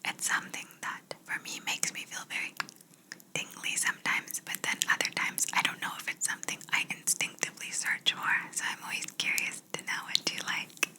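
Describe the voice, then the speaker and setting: A woman whispering slowly in an ASMR video, guiding the listener through gentle imagination questions. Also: rough recording. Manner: slow soft whisper, asking gentle questions. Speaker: ASMR creator.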